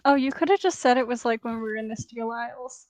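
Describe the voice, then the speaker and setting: A woman's voice: a little high, fast, darkish tone, no room sound. A woman chatting casually as a player in a tabletop role-playing game.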